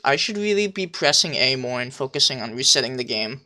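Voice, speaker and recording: A man streaming a game, thinking aloud, swearing constantly, second-guessing himself and bursting into loud excited shouts. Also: medium pitch, a little fast. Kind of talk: casual gameplay commentary.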